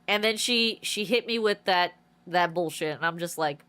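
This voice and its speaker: Her voice is lowish and her speed normal as this woman streamer chats casually on a livestream. Stuffy and nasal from congestion, she rambles through a lively story, starting over again and again.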